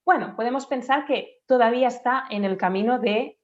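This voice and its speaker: A woman's voice: fairly high pitch, fairly quick. A woman patiently explaining speech development in an interview, sometimes demonstrating sounds aloud. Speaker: speech therapist guest. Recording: dull lo-fi audio.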